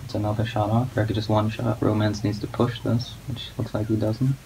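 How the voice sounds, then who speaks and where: Low-voiced man, flat and low-key, calling a game match play by play; clear hiss of noise behind him. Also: a little fast. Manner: monotone, low-key delivery; not much of a talker. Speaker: guest commentator. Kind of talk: esports play-by-play commentary. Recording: steady background noise.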